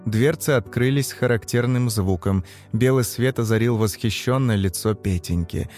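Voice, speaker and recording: A man narrating a dark story in a measured, grim tone at an ordinary middle pitch. Faint music plays quietly underneath his voice the whole way through.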